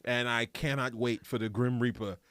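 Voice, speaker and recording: A man's voice: mid-range voice, steady tone, moderate pace, fairly bright tone, clear, resonant tone, no echo, studio quality. A man co-hosting a podcast, ranting in mock anger about an old woman and then explaining video game history in casual banter. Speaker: podcast co-host presenting the topic.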